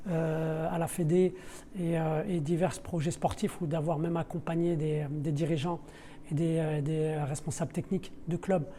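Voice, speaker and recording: At a moderate pace and with little pitch movement, a mellow, fairly high male voice comes through with slight hiss or hum. He is a middle-aged deputy sporting director at a football club, a non-native French speaker who explains his work on a podcast unscripted, repeating words as he searches for them.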